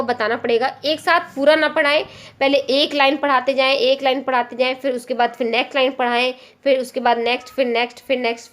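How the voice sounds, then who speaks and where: A young woman hosting a home teaching tutorial for parents, explaining step by step and sounding letters out slowly and patiently. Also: sits high. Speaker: teacher and channel host.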